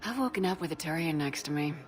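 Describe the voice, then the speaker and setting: An actress playing a military space commander in a video game, confident and direct, with a flirty, affectionate side. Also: female voice, sits low, expressive, fast, music in the background.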